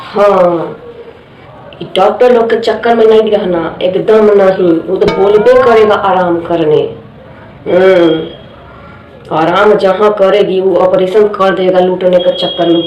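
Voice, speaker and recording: A woman's voice: mid-range voice, fairly even intonation, takes it slowly, a little mellow, roomy sound, muffled recording, slight background noise, lightly acted. A woman playing a bossy village auntie, handing out scolding advice.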